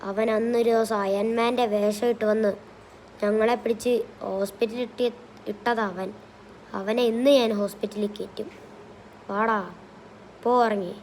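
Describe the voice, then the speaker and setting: A woman's voice: fairly high pitch, steady tone, moderate pace, long pauses, a little mellow, slight background noise, low-quality recording. A woman narrating and voicing a comic gangster game story. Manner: playful, switches between character voices. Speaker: gaming channel narrator voicing characters.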